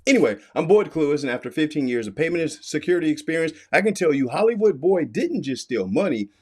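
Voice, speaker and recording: A middle-aged American man with a fairly high, slightly breathy voice hosts an explainer as an expert. He's emphatic and instructive, repeating the key warnings.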